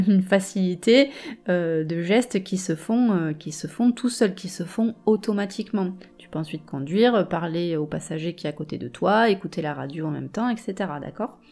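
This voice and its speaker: A woman's voice: on the low side, creaky, darkish tone. A woman teaching informally, hesitantly searching for her words as she speaks directly to the listener. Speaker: meditation and hypnosis teacher.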